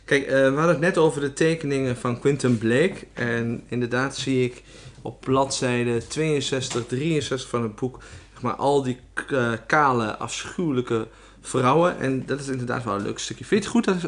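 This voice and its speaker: A man's voice: mid-range voice, normal speed, hardly any pauses. A man co-hosting a casual book chat from his living room, with many hesitations. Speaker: podcast co-host. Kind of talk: casual book discussion and reading aloud.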